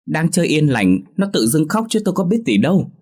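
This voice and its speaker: A man voicing a flustered old grandfather, anxious and defensive, pitched up and strained. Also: big pitch swings, brisk, a little mellow, breathy edge. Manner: flustered, pleading.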